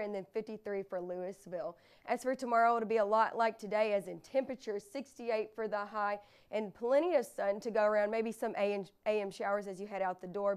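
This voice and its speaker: A young woman with an American accent presents a TV weather forecast. Her voice is smooth and very clear, sitting at a medium pitch. She talks through the maps and numbers in a semi-scripted studio delivery. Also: darkish tone. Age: young adult. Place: indoor TV studio with green screen.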